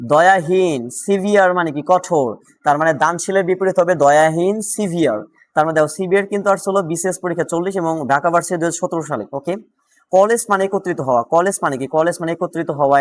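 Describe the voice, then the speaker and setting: A man with a Bangladeshi Bengali accent teaching vocabulary for exam prep, asking questions and answering them himself. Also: a little high. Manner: drills words with quick question-and-answer; louder and more animated when solving questions.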